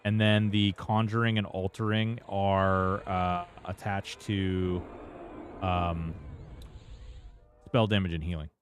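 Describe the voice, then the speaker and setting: A man's voice: low-pitched, little pitch movement, slow pace, slight background noise. A man streaming a game, chatting casually and rambling with lots of fillers and restarts. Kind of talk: casual gameplay commentary.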